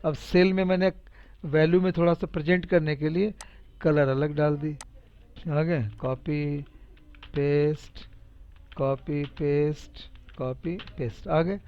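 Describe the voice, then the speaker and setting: A man's voice: on the high side, moderate pace, clear, resonant tone. A man with a slightly raised voice runs a casual spreadsheet tutorial, repeating each step aloud and cheering his students on with playful teasing. The sound is a little dull and lo-fi. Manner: chatty, repetitive, teasing and encouraging. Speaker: computer teacher. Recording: dull lo-fi recording.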